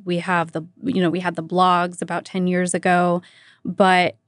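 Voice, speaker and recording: In a close, dry recording, an American woman with a voice on the low side interviews a guest on the radio in a relaxed, informal way. Her chatty, conversational questions are sprinkled with small fillers such as "you know."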